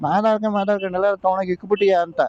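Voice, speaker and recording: A male motovlogger who talks fast in a fairly high but dark, mellow voice, weary and placating as he gives in. The recording sounds dull and lo-fi. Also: flat delivery. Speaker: motovlogger and rider. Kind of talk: comic motovlog sketch.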